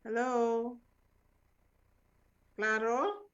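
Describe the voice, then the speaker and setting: This time the coordinator's voice is fairly high and a bit bright, expressive, with drawn-out words. Still a Filipino-accented native Cebuano speaker, she gives an informal, instructive briefing to her online meeting, frequently adding small checking tags, all heard through dull, lo-fi video call sound.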